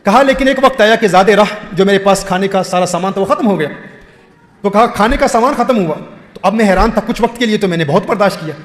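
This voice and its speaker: A man with a high voice preaches with deep feeling and repeats his phrases for weight. His words ring through a large hall, and a long reverb trails after each line. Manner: repetitive, heartfelt phrasing. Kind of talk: emotional sermon storytelling.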